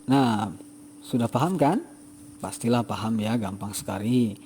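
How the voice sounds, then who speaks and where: A male teacher giving a patient tajwid lesson to students, repeating each example slowly. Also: lowish voice, warm tone, slight background noise.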